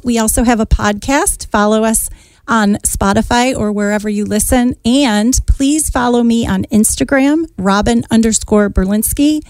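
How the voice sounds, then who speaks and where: A woman's voice: on the high side, darkish tone, no echo. A woman hosting a radio show, who interviews her guest with gushing enthusiasm.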